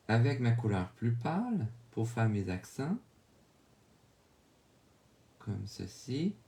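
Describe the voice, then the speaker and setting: A man with a Québécois French accent narrating a drawing tutorial, calmly explaining each step and often checking in with viewers. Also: medium pitch. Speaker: drawing instructor.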